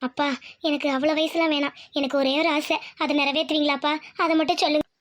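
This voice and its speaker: A woman's voice: sits high, flat delivery, fast talker, natural voice. A woman voicing an emotional young village bride in a cartoon, pleading tearfully with her father. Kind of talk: cartoon voice acting.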